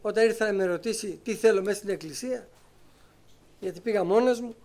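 A middle-aged man giving a personal testimony to his congregation as a lively storyteller who acts out the conversations he recounts. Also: high voice. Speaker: church member giving testimony.

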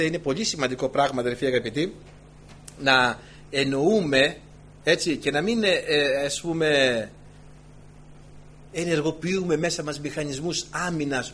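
A man's voice: a little high, a little hiss or hum. A man preaching a sermon to his congregation, telling stories with many asides. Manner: animated storytelling with many asides.

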